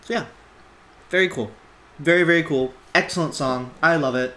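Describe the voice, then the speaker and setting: A music analysis streamer, with a medium-pitched, slightly bright voice at a moderate pace, casually breaks down a song's melody live. They hum phrases on nonsense syllables, think aloud loosely with fillers, and read and respond to viewer requests.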